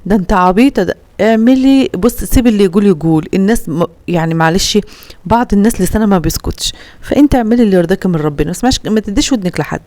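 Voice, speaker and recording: A woman's voice: medium pitch, animated, racing, mellow, no echo. A woman from Upper Egypt with an Upper Egyptian Arabic accent, chatting earnestly with viewers as a home vlogger and giving heartfelt advice full of pious phrases.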